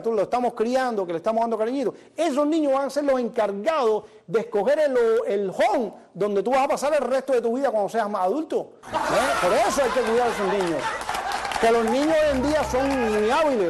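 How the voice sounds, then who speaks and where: High-voiced comedy show host. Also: male voice, a little mellow. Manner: joking storyteller, punchline delivery. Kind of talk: stand-up comedy monologue. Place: television studio.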